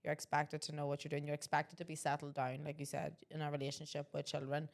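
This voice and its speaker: A woman's voice: low-pitched, monotone, fast, gravelly. A woman, co-hosting a podcast and making her points emphatically. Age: 20s. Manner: emphatic, opinionated. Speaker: podcast co-host. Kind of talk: casual chat.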